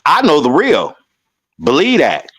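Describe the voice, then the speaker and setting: A man in casual conversation, telling a rambling story and mimicking other people loudly as he goes. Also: a little high, wildly swooping pitch, measured pace, breathy edge. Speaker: guest.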